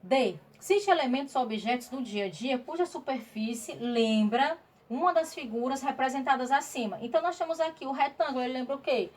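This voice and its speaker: A woman's voice: sits high, animated, fairly quick. A woman teaching primary school Portuguese in a remote class, patiently walking through workbook exercises and checking in with the pupils. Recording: distant mic, faint room noise.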